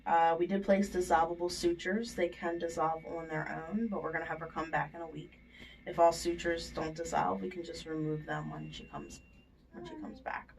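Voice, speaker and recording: A woman's voice: lowish voice, normal speed, vocal fry. A woman on dental surgery staff informally going over aftercare instructions step by step, often checking in as she explains. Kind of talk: informal spoken patient instructions. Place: indoors at a clinic. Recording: distant microphone, faint room noise.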